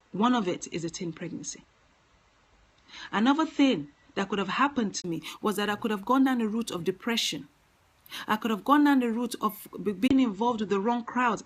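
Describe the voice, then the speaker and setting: A woman's voice: mid-range voice, poor audio. A woman giving an earnest motivational talk, speaking emphatically and repeating her key phrases.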